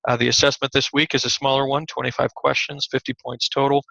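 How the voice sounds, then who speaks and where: Slightly hoarse man giving an online lecture. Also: mid-range voice, flat delivery, quick pace, bright, forceful tone, no room sound, highs cut off. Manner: conversational, many fillers and restarts. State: slightly hoarse, scratchy throat. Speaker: college instructor. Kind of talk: recorded online class lecture.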